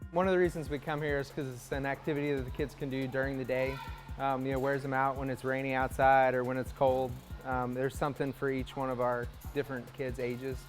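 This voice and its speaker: Man, parent interview, relaxed, very flat pitch, faint music behind. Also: a little fast. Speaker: parent of climbing kids.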